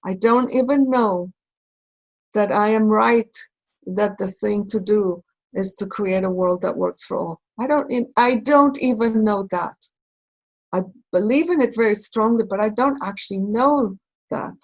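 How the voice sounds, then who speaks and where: A woman from Israel speaking reflectively in a recorded conversation, pausing and searching for her words. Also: mid-range voice, rough recording. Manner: thoughtful, halting, searching for words. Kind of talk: reflective talk.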